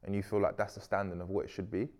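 Man, low voice, rapid slangy podcast chat, laughs a lot. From Sierra Leone. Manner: animated, slangy, laughs often, quick bursts.

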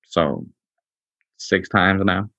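A man's voice: sits low, extremely slow, creaky, bright, forceful tone, no echo, muffled recording. A man co-hosting a podcast in casual chat, laid-back and stumbling over his words. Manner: laid-back, stammering restarts, says bro. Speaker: podcast co-host.

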